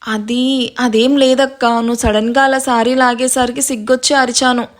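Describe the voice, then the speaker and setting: A woman's voice: a little high, level tone, normal speed, lightly acted. A woman storyteller voicing a shy young woman who stammers nervously while caught out. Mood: flustered.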